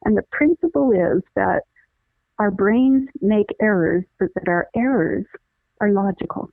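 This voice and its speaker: This woman speaks in a mid-range voice with some vocal fry, explaining with care and earnestness despite many restarts. The setting is a conversational interview heard over a tinny phone connection, recorded dry.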